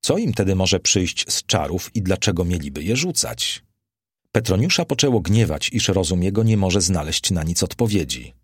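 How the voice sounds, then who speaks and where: A man narrating a classic novel as an audiobook in a measured, expressive storytelling manner. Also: low-pitched, slightly rough, no echo, clean studio sound.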